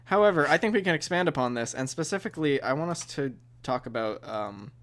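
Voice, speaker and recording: Male co-host, higher voice, wry and playful, casual podcast banter. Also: animated, fast talker, fairly bright tone. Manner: playful, wry, laughs often.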